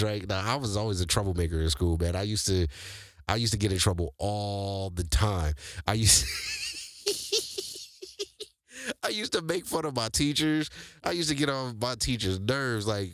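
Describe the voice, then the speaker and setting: A man in his forties, hosting and telling life stories in a relaxed, slangy way, laughing often as he goes. His pitch swings widely from low to high, and the sound is dry and close with no room around it. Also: no echo. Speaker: host. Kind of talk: casual storytelling to an audience.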